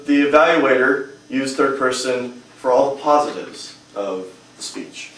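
Strong and emphatic, a young adult man presents a humorous prepared speech at a public speaking club, his medium-pitched voice a bit bright. The hotel meeting room sounds echoey, captured by a camera placed far off.

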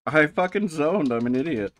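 A man's voice: a little high, animated, normal speed, no room sound. Joking male game streamer, dry sound. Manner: joking, coaching other players. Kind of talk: casual gaming chat.

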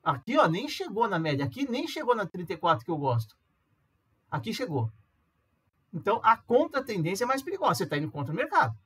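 A Brazilian man with a husky, fairly high voice talks through price charts in a relaxed, chatty way, checking in with listeners as he goes. He slips into a livelier tone when he acts out what a viewer might ask. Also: quick pace. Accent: Brazilian Portuguese. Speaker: amateur trader giving a chart tutorial. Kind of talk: casual screen-recorded tutorial.

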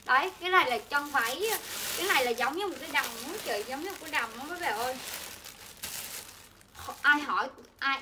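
Set indoors in a home shop, this clip has a young woman selling clothes on a live stream, her voice sitting high over background noise. She's relentlessly chatty and pushy, talking to viewers all the time about deals.

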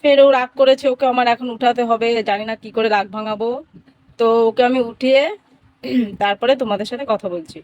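A woman's voice: on the high side, steady tone, fairly quick, a little mellow, lo-fi sound. A woman hosting a casual family vlog, coaxing a small child in a sing-song way. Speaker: family vlogger.

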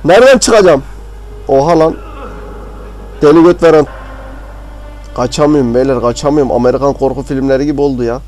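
A young man doing profane, excitable horror game commentary, with a mock newscaster tone. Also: medium pitch, fairly quick, long pauses, slight background noise, rough recording. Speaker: gaming video host.

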